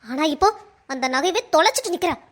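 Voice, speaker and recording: A woman's voice: very high voice, expressive, fast talker. A woman voicing a proud, scolding mother-in-law in a cartoon, lecturing sharply. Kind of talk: cartoon voice acting.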